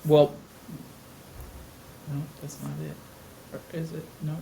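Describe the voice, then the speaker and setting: A man's voice: on the high side, flat delivery, takes it slowly, warm tone, slight background noise. Chatty self-mocking man co-hosting. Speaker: podcast co-host. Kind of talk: casual chat.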